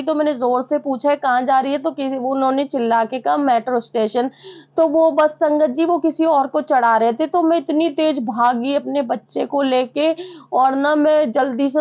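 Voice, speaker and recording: A woman's voice: high voice, darkish tone. A young woman earnestly recounting a personal devotional experience to fellow devotees, often addressing them directly. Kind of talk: emotional testimony to a devotional audience. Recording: slightly dull lo-fi sound.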